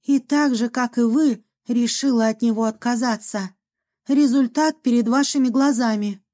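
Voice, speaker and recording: A woman voicing a chatty young female ghost, a former medium, who talks in a lively, theatrical way and sighs a lot. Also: on the high side, moderate pace, natural voice. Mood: wistful. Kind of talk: audiobook reading.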